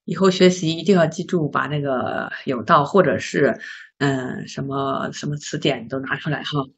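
A woman teaching a beginner English lesson, patiently asking learners questions and sounding out words slowly. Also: sits low, gravelly, slightly rough. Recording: slightly dull lo-fi recording.

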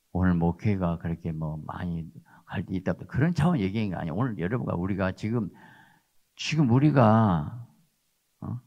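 An older man preaching with emphasis, pressing his points with questions to the congregation. His voice is low and gravelly. The recording sounds dull and lo-fi. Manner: emphatic, repeats rhetorical "어?" tags. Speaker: pastor. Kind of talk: sermon.

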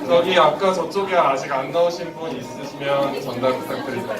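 Male prize announcer, high voice, playful but formal stage host, recorded far from the mic amid a loud live crowd. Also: a little fast, echoey room, over loud music. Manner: playful, joking, laughs while announcing. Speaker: host of a prize draw at a band concert. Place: indoor live music venue. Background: loud audience crowd.

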